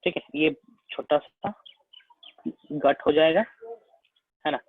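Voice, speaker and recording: A man's voice: a little high, breathy edge, no room sound. A man with an Indian accent giving a biology lecture, explaining step by step and checking in again and again with his students. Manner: slow, repetitive, checks in with "है ना?" again and again. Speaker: biology teacher. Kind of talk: classroom lecture at a whiteboard. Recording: tinny phone-like sound, dry.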